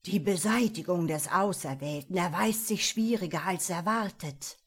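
A woman voicing a dark male magician who chants spells and answers his master deferentially. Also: on the low side, normal speed, slightly rough. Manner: deferential, scheming.

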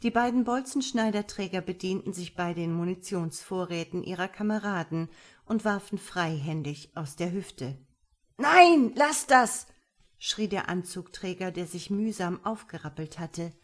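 A woman hosting a podcast and reading a crime story in a lively, dramatic way. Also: fairly low pitch, moderate pace. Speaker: podcast host and reader.

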